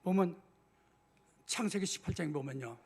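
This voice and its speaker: An older man delivers a sermon in a church. His voice sits high for a man and has a husky, breathy grain. He tells the scripture stories by voicing the dialogue in a casual, talking tone. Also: lively intonation, normal speed, a little mellow. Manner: acts out biblical dialogue in conversational asides. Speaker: senior pastor. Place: church sanctuary.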